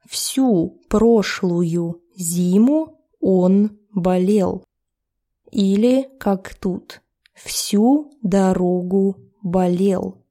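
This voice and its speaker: A woman teaching a language lesson, explaining each phrase of a text step by step in a deliberate way. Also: medium pitch, dark tone.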